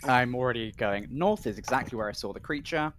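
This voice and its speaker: A man's voice: medium pitch, animated, brisk, a bit bright, a little hiss or hum. A man chatting casually as a player in a tabletop role-playing game, asking rules questions and declaring moves.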